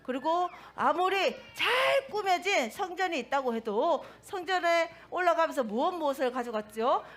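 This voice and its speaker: A woman's voice: very high voice, a bit bright. A woman giving a sermon to toddlers in a sing-song way, asking the children questions. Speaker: children's pastor.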